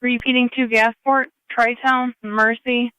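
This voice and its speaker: A woman's voice: fairly high pitch, flat delivery, unhurried, crowd noise. A woman dispatching police, fire and ambulance calls over two-way radio in clipped, procedural set phrases. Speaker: emergency services radio dispatcher. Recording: slightly muffled scanner radio feed.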